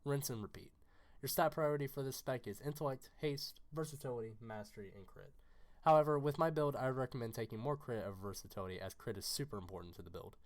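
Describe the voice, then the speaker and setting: A man with a raspy, hoarse voice from being under the weather, giving a scripted game guide narration in a brisk, informative way. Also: medium pitch. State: hoarse from illness.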